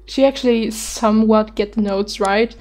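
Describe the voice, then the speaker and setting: A woman's voice: fairly high pitch, fairly even intonation, normal speed, darkish tone. A woman in her twenties answering viewer questions on a webcam, rambling and self-deprecating, giggling and swearing casually. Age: 20s. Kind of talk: casual chat.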